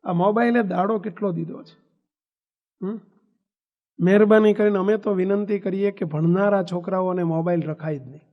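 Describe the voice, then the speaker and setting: A man with a Gujarati accent and a high, darkish voice preaches to young people as a swami giving a discourse in a hall at a religious gathering. He asks the crowd questions and tells anecdotes along the way. The recording is dull and reverberant, typical of a hall.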